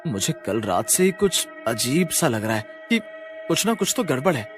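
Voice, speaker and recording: A man's voice: medium pitch, sing-song, normal speed, soft background music, lightly acted. A man voicing a worried, protective young husband in a kids' storybook, earnest and questioning. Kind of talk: storybook voice acting.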